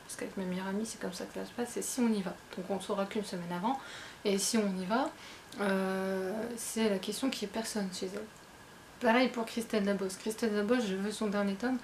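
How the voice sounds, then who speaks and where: A woman's voice: medium pitch, steady tone, a little fast, a little hiss or hum. A woman talking casually about her books to her viewers, chatty and self-mocking with lots of fillers and restarts. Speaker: book vlogger. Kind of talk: casual chat.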